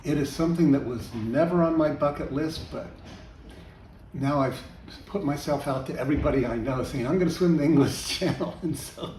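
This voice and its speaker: A man's voice: on the high side, moderate pace, darkish tone. A man in his seventies speaking candidly and with some amusement in a documentary interview. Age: 70s. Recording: roomy and distant with background noise.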